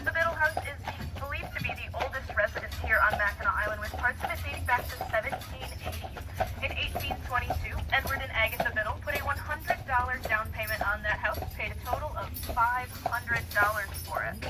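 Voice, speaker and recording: Woman, high voice, tour guide patter, wry and playful, horse carriage outdoors, hooves clopping behind. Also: quick pace, very noisy. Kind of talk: rehearsed tour narration with deadpan jokes.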